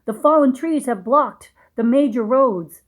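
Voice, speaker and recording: A high-voiced woman with lively intonation reads aloud from a storybook for small children. She pauses teacher-style to put questions to them and keep explanations simple.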